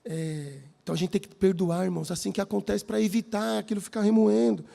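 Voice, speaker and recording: Quick-paced and lively, a high-pitched, creaky male voice with a Brazilian Portuguese accent delivers a sermon in a church hall. He weaves in stories from his own life and keeps referring to the audience as brothers.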